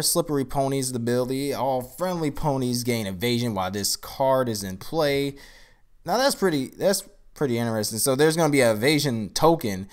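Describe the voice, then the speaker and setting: A man's voice: mid-range voice, clean tone. A tired, groggy man on a casual live stream, showing off his card game and thinking aloud as he rambles through each card. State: groggy, tired from a long day.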